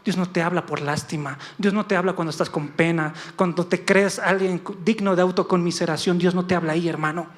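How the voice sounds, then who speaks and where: High-voiced preacher, impassioned sermon. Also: male voice, fairly even intonation, brisk, few pauses. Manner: impassioned, calls out to congregation, acts out God's voice.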